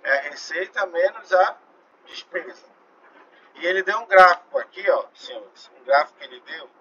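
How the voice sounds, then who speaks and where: A man teaching a math class in a classroom, in a loose, chatty way, with many tag questions, slowing down to stress key phrases. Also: high voice, animated, pushed and bright. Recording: dull lo-fi classroom recording with faint noise.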